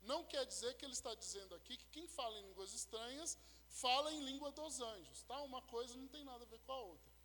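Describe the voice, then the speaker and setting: A pastor, teaching a sermon and checking in with listeners. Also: male voice, extremely high pitch, animated, fast talker, pushed and bright, a little hiss or hum. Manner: explanatory, checks in with listeners often. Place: church hall. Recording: echoey church hall.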